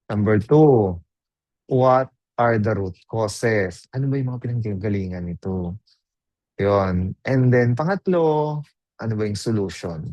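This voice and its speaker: A man's voice: mid-range voice, darkish tone, no room sound. A man giving a live online training, chatting casually, mixing Tagalog and English, and putting questions to the audience. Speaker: webinar trainer.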